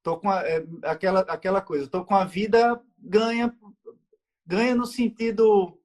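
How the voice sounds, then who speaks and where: A man's voice: high voice, fairly even intonation, moderate pace, darkish tone. Hesitant, reflective male diplomat host. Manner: hesitant, many fillers. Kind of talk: reflective conversation.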